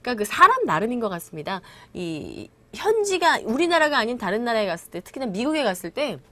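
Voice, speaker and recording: Brief: woman English teacher from Korea, bright high voice with a lively melody, patient lecture delivery, slow and careful on the English samples. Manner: explanatory, reads English examples slowly and deliberately. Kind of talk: classroom lecture.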